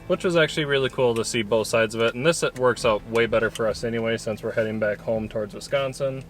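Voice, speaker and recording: A man's voice: mid-range voice, quick pace. Casual male travel vlogger over music. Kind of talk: casual travel vlog chat.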